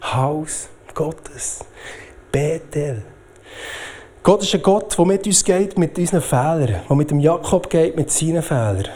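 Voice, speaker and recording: A man with a Swiss German accent preaching a sermon in a lively, informal way. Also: brisk, few pauses. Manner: lively, informal preaching with swings in pitch and loudness.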